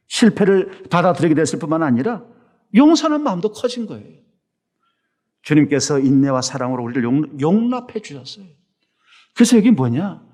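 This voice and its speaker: A man preaching a Sunday sermon as pastor in a church, animated, asking rhetorical questions and slowing down to stress his points. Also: a little high.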